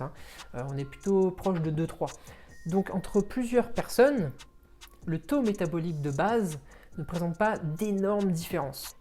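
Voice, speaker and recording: Mellow-voiced male fitness coach. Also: sits high. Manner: informal, talks straight to the viewer; walks while talking. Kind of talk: casual explainer video.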